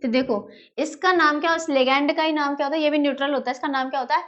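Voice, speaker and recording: A woman's voice: high voice, fairly even intonation, rapid-fire, a bit bright, highs cut off. A woman teaching chemistry at a whiteboard, affectionately calling her students "beta", repeating key terms and answering her own questions. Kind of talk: whiteboard lesson, explaining step by step.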